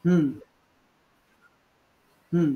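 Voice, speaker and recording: A man teaching Quran recitation in an online class, patiently correcting students and repeating words slowly to model them. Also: echoey room, dull audio.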